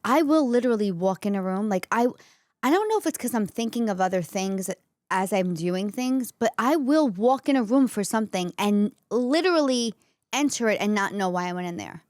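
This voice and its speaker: A woman's voice: mid-range voice, lively intonation, normal speed, darkish tone, no echo, studio quality. A woman, hosting a podcast and talking casually and candidly straight to her listeners. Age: 40s. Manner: candid, conversational, addresses listeners directly. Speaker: podcast host. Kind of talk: casual solo talk to audience. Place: indoor podcast studio.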